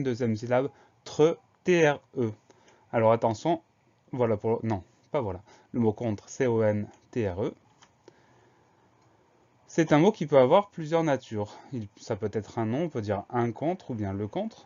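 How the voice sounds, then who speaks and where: Speaking with a warm, mid-range voice, a man guides schoolkids through spelling, taking each word letter by letter and repeating it patiently. The sound quality is dull and lo-fi.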